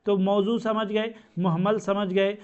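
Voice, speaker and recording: A man's voice: sits high, little pitch movement, takes it slowly, darkish tone. A man teaching a grammar lesson, who asks questions and answers them himself and repeats each term. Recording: dull lo-fi sound.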